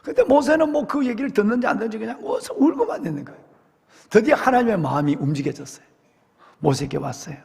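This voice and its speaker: A male pastor tells a story as a sermon with dramatic flair. His voice is high for a man, and its pitch swings widely. A long reverb fills the church sanctuary around him. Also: very animated, fast, creaky, a little mellow. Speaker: senior pastor.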